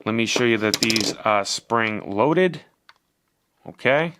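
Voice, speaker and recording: A man's voice: fairly low pitch, animated, takes it slowly, background noise. A man giving a casual, chatty product review as he unboxes and shows a device, swearing now and then.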